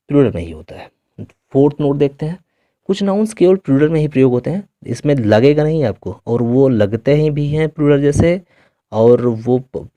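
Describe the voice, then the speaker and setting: A man's voice: medium pitch, mellow. A man teaching an English grammar lesson, explaining patiently, repeating points, and checking in often with "ठीक है".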